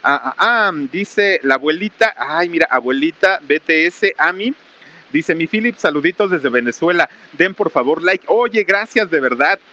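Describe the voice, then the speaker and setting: A man's voice: a little high, animated, moderate pace, bright, forceful tone, lo-fi sound. A man hosting a live stream outdoors under a small roof in heavy rain, reading out viewer greetings in a raised, casual voice. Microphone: camera mic with crew nearby.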